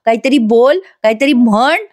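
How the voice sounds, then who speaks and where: A woman's voice: fairly high pitch, normal speed, a little mellow, close to an everyday voice. A woman voicing a heartbroken young man who sulks and complains tearfully, repeating himself. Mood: whiny, tearful.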